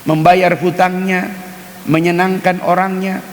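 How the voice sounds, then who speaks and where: A man's voice: sits high, level tone, measured pace. A man preaching a sermon in a mosque, chatty and direct, often turning to speak to the men listening. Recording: reverberant mosque hall, faint hiss.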